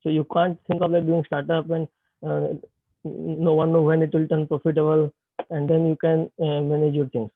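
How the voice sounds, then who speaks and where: This guest speaker is a startup founder in his twenties with an Indian accent and a fairly high, creaky voice delivered completely flat at normal speed. He addresses students hesitantly, with plenty of fillers, while a bad video-call connection breaks up his voice on a tinny, lo-fi line that's dry and echo-free.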